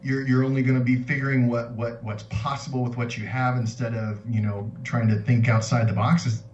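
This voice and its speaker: A man's voice: mid-range voice, flat delivery, brisk, darkish tone, dull audio. A man co-hosting a podcast in a casual, conversational style. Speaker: podcast co-host. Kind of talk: casual chat. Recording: distant, echoey room with faint noise.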